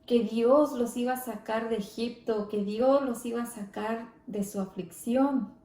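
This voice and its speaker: A woman leading a church Bible study, speaking slowly and reverently, often adding amén and gloria a Dios. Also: fairly high pitch, dark tone, roomy sound. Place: church hall.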